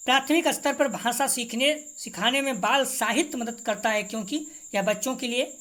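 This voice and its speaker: A woman's voice: a little high, normal speed, fairly bright tone. A woman teacher reads exam multiple-choice questions and answers, repeating each correct answer and informally to her students. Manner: informal, addresses students directly.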